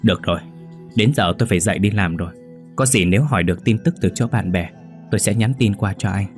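A man reading the lines of a decisive young office woman on the phone, firm and brisk. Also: on the low side, soft background music, close to an everyday voice.

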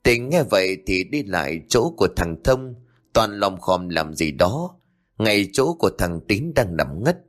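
A man's voice: fairly low pitch, very animated, measured pace. A man narrating a Vietnamese-style ghost story in a dramatic storytelling manner.

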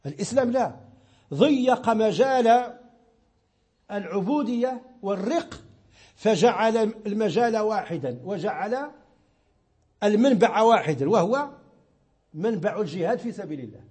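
A middle-aged Moroccan man teaching Islamic law in a religious lesson. His voice sits high for a man and has a husky grain. He explains patiently, often repeating a word while he searches for the next one. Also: lively intonation, normal speed, pauses often, darkish tone.

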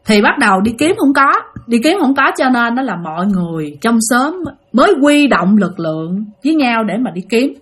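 A woman's voice: fairly high pitch, very animated, normal speed, hardly any pauses, fairly bright tone, husky. A woman with a Southern Vietnamese accent telling a ghost story, chatty and speaking straight to her listeners. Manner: chatty, addresses listeners directly.

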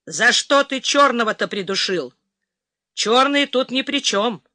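Woman doing cowardly drunk male officer, shrill, whining, panicky, bright. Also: animated, measured pace, no echo, clean studio sound. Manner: shrill, whining, higher and louder than narration.

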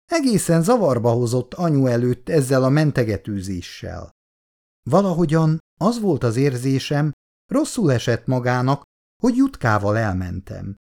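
A reader voicing a proud, touchy young woman who speaks in sharp, indignant lines in a storybook reading. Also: rumbling low, very animated, full character voice.

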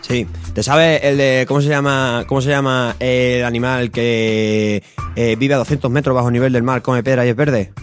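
A man's voice: medium pitch, normal speed, faint music behind. A man, co-hosting a podcast and telling jokes in playful banter, doing voices for his characters. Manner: playful joke-telling with lively put-on voices. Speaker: podcast co-host. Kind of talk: joking banter.

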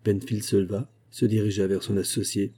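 A man narrating a literary audiobook in a measured, expressive way. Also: fairly low pitch. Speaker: audiobook reader.

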